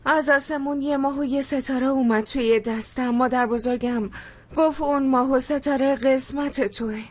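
A woman's voice: high voice, steady tone. An actress playing a shy, dreamy young woman, a khan's daughter, in a dubbed drama. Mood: wistful. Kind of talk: dubbed drama series dialogue.

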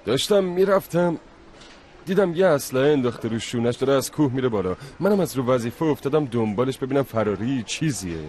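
Actor playing a protective young son. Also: male voice, medium pitch, expressive, darkish tone, a little hiss or hum, close to an everyday voice. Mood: dreamy. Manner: emotional, insistent. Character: young man, protective son, smitten and stubborn. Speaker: lead character. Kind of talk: dubbed drama series dialogue.

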